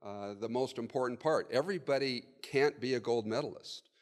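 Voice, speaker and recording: A keynote speaker in his sixties talks at a moderate pace in a mid-range voice from a podium in a hotel conference room full of listeners. He's conversational, thinking aloud with fillers, and his podium mic catches the long reverb of the hall.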